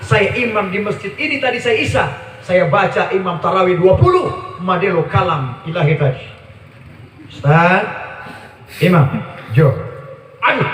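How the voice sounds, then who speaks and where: A man preaches in a high, bright voice, joking his way through a sermon. The recording sounds roomy and distant, with a gathered crowd and background noise audible. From Gorontalo, Indonesia. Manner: joking, playful, draws laughs. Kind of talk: humorous sermon at a community gathering.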